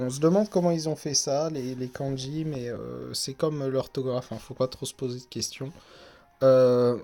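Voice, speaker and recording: A man's voice: a little high, darkish tone. A man giving a casual video lesson on Japanese kanji, talking hesitantly with many filler sounds and restarts. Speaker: kanji teacher.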